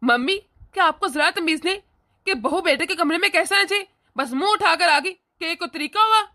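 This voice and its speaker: A woman's voice: very high-pitched, a little fast, sharp tone. A woman voicing a rude, scornful young husband in a cartoon who scolds his mother. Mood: scolding. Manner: scolding, sneering. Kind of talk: cartoon voice acting.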